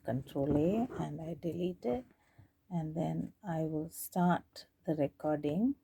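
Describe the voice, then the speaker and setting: In a loose, unscripted how-to on tape digitizing, a woman proceeds step by step, thinking aloud with some hesitation. Her low voice is gravelly and warm, her pace is slow, and slight background noise can be heard.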